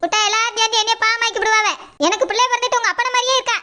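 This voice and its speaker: Comic skit: a scheming daughter-in-law who mutters sarcastically, played by a woman, very high and sharp. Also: fairly even intonation, very fast. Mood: scolding. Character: scheming, grumbling young daughter-in-law and mother.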